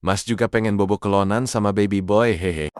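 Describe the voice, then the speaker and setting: A man voicing a sweet, affectionate young husband and new father in an animated drama. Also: lowish voice, fairly quick, smooth, no echo, studio quality, close to an everyday voice.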